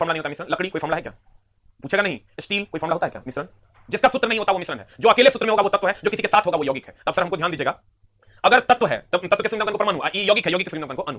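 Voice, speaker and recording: A teacher with a bright, high male voice rushes through a live online chemistry lesson. At a brisk, forceful pace he repeats each definition over and over and counts atoms out loud.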